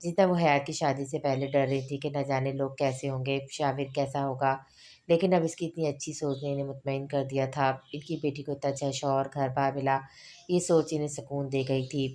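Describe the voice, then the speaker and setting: A woman narrating a novel as an audiobook reading, steady and measured. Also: extremely low pitch.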